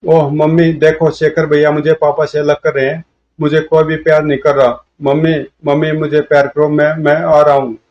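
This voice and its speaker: A man's voice: on the high side, flat delivery, moderate pace, a little mellow, natural voice. A man voicing an old man over seventy who whines and pleads like a six-year-old boy, in a comic storybook reading. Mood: whining. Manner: childlike, whiny pleading. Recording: dull lo-fi audio.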